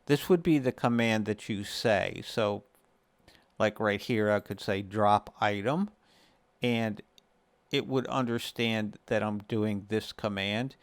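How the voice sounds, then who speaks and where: A man with a fairly low voice hosts a casual screen-share gaming tutorial, talking slowly and walking through each step in a conversational tone. The recording has no room sound.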